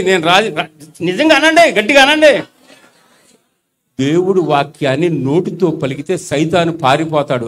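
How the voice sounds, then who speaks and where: A pastor with a Telugu accent preaches a sermon in a high, fairly bright male voice, pressing the congregation to repeat his words aloud. There is a little hiss or hum in the audio.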